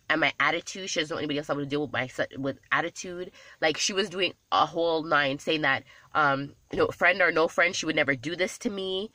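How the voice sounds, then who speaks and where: A woman telling a story to camera in a casual vlog, exasperated and animated, often repeating herself. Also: low voice, no echo. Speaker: vlogger.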